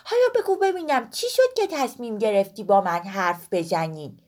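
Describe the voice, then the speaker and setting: A woman's voice: medium pitch, lively intonation, a little mellow, lightly acted. A woman voicing a curious young child in a children's story, asking surprised questions.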